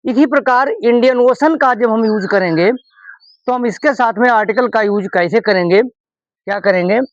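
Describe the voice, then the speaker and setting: A male teacher explaining English pronunciation in a classroom lesson, reading example sentences slowly and deliberately. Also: very high-pitched, no echo, highs cut off.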